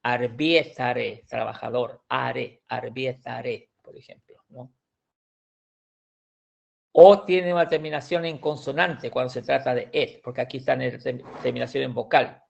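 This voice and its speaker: A man teaching a grammar lesson, slowly working through examples and repeating words as he goes. His voice has a gravelly, creaky edge. The recording sounds dull and lo-fi. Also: medium pitch, darkish tone. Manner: explains patiently, repeats words, frequent restarts. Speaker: language teacher. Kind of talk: classroom lesson explaining grammar.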